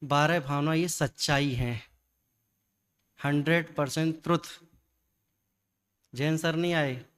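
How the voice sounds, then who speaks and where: A man giving a religious discourse, lively and full of rhetorical questions and repetition. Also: fairly high pitch, slow pace, smooth. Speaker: Jain scholar giving a discourse.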